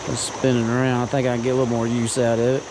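Wading through a river with a body-worn camera, a man who runs a fishing vlog talks casually about fishing and mutters between casts. His mid-range voice is delivered completely flat, and the outdoor audio is filled with the noise of rushing water.

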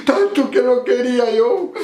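A man voicing a frantic woman who wails in a shrill, sobbing way over her burned pet. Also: lively intonation, measured pace, mellow. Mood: frantic wailing. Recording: roomy echo.

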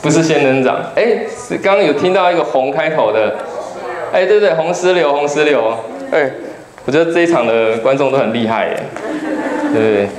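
A man's voice: fairly high pitch, lively intonation, moderate pace, a crowd in the background. A man in his thirties from Taiwan with a Taiwanese Mandarin accent, giving a chatty, joking talk to an audience. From Kaohsiung, Taiwan. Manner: chatty storytelling, jokes with the audience. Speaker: public lecturer, travel writer. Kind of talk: humorous public talk with slides. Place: lecture hall. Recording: roomy hall with faint background noise.

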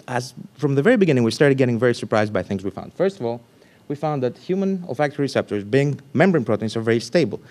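At a conference, in a lecture room, a man with a medium-pitched voice gives a scientific talk. He speaks loosely, restarting sentences and breaking into sudden animated bursts of emphasis.

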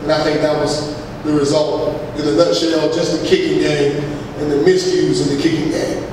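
A middle-aged man, a head football coach, answering press questions after a game in a measured, halting way with many fillers and restarts. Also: a little high, flat delivery. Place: press room with backdrop, large echoey space. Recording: echoey hall, far mic, noisy.

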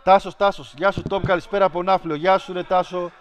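A man hosting a livestream, chatting casually with viewers and ranting in a mocking, animated way. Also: high voice. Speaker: livestream host. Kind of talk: casual stream chat with viewers.

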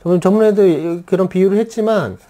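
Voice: mid-range voice, fairly quick, mellow. An art teacher giving a casual drawing lesson, chatty and explaining through everyday examples and rhetorical questions. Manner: chatty, keeps asking listeners to agree.

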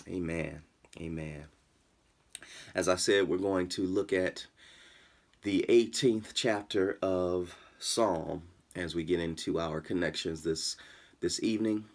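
Deep, gravelly-voiced pastor leading a prayer. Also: male voice. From Michigan, USA. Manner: earnest, measured, with frequent "uh" and "um". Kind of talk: online devotional and prayer. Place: small room at home. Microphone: webcam in front of him.

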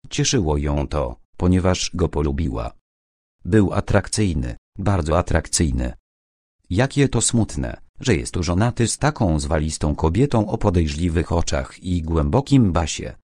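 Deep-voiced slow male audiobook narrator. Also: darkish tone, dry recording, studio quality. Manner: measured, dramatic storytelling. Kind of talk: scripted crime novel narration.

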